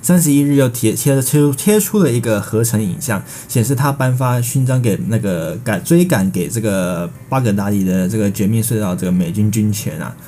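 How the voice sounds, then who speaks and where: A man's voice: fairly low pitch, a little fast, few pauses, warm tone, a little hiss or hum. A man with a Taiwanese Mandarin accent presenting breaking news, wordy, often restarting words as he goes. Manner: wordy, repeats filler phrases and restarts words mid-sentence. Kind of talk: breaking news reading, semi-scripted with ad-libbed bridging.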